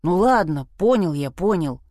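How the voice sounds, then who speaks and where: A woman's voice: on the low side, animated, normal speed, a little mellow, no echo, studio quality. A woman voicing a cocky teenage boy who mocks the girls in a storybook reading. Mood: sulky. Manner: mocking, boastful.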